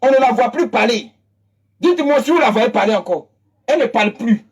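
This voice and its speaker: Brisk and slightly rough, this medium-pitched voice belongs to a political commentator from Côte d'Ivoire. Speaking with an Ivorian French accent and lively intonation, he gives an emphatic, mocking political monologue full of repeated phrases.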